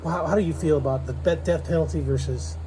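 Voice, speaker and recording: An American man with a notably high voice hosts casual political commentary. He speaks with sarcasm and keeps throwing out rhetorical questions. There is faint outdoor background noise behind him. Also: fast talker. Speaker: co-host of a political commentary show. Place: outdoors in a backyard.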